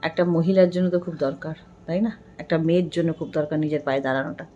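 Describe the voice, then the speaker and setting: Chatty woman, low voice. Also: fairly even intonation, fast, warm tone, lo-fi sound, soft background music. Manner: chatty, confiding, repeats herself. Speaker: lifestyle vlogger. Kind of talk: casual chat to viewers. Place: at home. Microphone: camera set far away.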